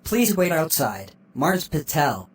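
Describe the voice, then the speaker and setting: Brief: a gentle care robot, a calm, polite doctor computer, mid-pitched, formal and measured. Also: slight background noise. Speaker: infirmary computer.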